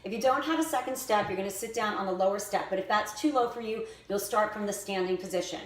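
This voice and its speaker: A woman's voice: medium pitch, quick pace. A woman fitness instructor giving directive, step-by-step workout instruction and exercise cues. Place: indoors by a staircase. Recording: echoey room with faint noise.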